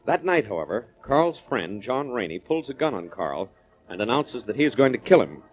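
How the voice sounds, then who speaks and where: A man announcing and recapping the story on an old radio show, in a measured delivery. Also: mid-range voice, very animated. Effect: old radio show broadcast. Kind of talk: scripted recap narration. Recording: dull lo-fi old radio recording.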